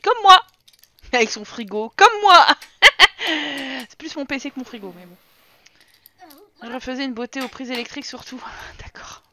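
A woman's voice: on the high side, background noise. A young woman with a French accent, live-streaming a life-sim game and chatting casually with her viewers, teasing the game characters as she plays.

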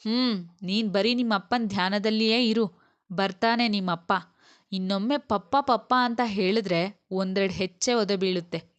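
A woman's voice: mid-range voice, steady tone, normal speed, smooth, dry recording, lightly acted. A woman voicing a grieving young mother who speaks tearfully and turns bitter.

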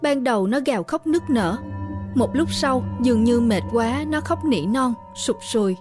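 Lady reading a scary story, fairly high voice, quiet music under it. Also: animated, moderate pace. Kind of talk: scripted horror story narration.

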